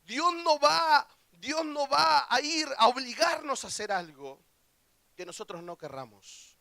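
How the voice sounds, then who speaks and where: A young man with a Rioplatense Spanish accent preaching a lively youth camp sermon, acting out quoted voices and joking with the audience. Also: very high voice, a little slow, vocal fry, dry recording. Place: church hall.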